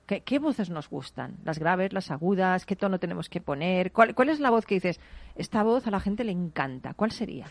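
A woman from hosting a radio interview, chatty and exclamatory, firing off quick questions. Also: on the low side, lively intonation, no echo. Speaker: host.

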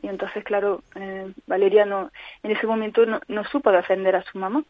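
A woman tells her story in an interview. She speaks earnestly, pausing and restarting often. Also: mid-range voice, little pitch movement, dry recording. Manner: earnest, halting, frequent restarts. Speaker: guest, mother living with chronic pain. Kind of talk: personal account in a call-in interview. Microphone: telephone. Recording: tinny phone line on radio.

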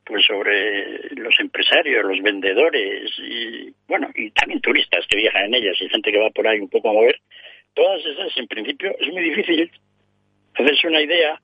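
A man's voice: medium pitch, normal speed, slightly rough, dry recording, dull audio. A man commenting on a radio panel, thinking aloud and ending phrases with tag questions. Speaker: economics commentator.

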